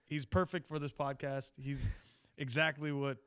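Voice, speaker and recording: A man's voice: medium pitch, level tone, a little slow, a bit bright, clear, resonant tone, no room sound, studio quality. A man hosting a podcast in a casual, informal, sweary way with loose phrasing. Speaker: podcast host. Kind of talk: casual chat.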